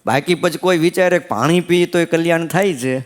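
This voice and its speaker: A man's voice: a little high, a little fast. A swami giving a sermon, telling folksy stories and checking in with his listeners through short rhetorical questions. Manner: folksy, lively storytelling. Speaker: swami giving a scripture discourse. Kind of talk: sermon storytelling.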